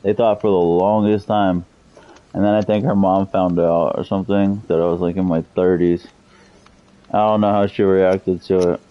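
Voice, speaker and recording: A man in his thirties chats loosely with viewers while he plays, swearing often. His voice sits very low. The stream audio is a bit dull and lo-fi. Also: fairly even intonation, moderate pace. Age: 30s. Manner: profane, loose, chatty with viewers. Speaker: game streamer. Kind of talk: casual live-stream chat.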